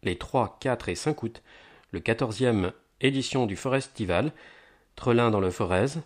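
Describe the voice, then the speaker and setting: Low-voiced male announcer. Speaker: announcer of a local events agenda. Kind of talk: scripted promotional narration.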